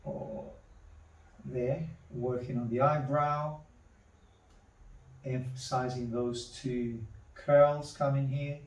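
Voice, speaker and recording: A man demonstrating charcoal drawing, talking slowly to himself as he works and repeating words under his breath. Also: mid-range voice, fairly even intonation. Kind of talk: thinking-aloud drawing demonstration. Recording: roomy, mic at a distance.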